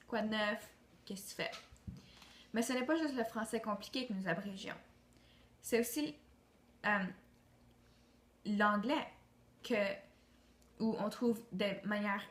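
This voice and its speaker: A woman's voice: medium pitch, a bit bright. Earnest declamatory woman. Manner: earnest, declamatory, with frequent restarts. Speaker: student. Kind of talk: recited monologue for a school project. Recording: roomy echo with faint ambient noise.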